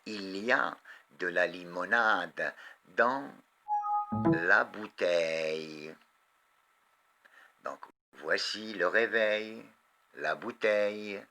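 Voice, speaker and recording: A man with a Moroccan accent teaching a French lesson, reading words and sentences aloud slowly and quizzing his pupils. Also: low voice, pushed and bright. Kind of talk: slow, deliberate classroom lesson.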